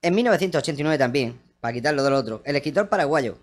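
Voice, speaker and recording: A man co-hosting a comic show, reading dates and answering with deadpan absurd puns and restarts. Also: on the high side, racing. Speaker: comedy radio co-host.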